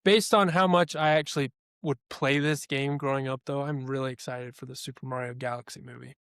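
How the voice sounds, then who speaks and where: A man's voice: medium pitch, steady tone, a little fast, a bit bright, smooth, dry recording, clean studio sound. A young man co-hosting a podcast in a casual, chatty way, sharing opinions and filling his talk with "like". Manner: chatty, opinionated, heavy use of "like". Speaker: podcast co-host. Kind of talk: casual chat.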